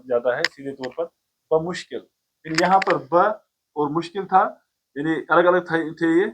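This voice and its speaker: A male teacher with a somewhat high voice delivers a pronunciation lesson. He explains patiently and step by step, counting words aloud as he goes. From Kashmir. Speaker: language teacher.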